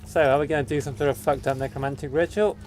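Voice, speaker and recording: A man's voice: a little high, steady tone, fast talker, darkish tone, slight background noise. A man doing casual live gameplay commentary, wryly thinking aloud as he goes. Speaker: game streamer.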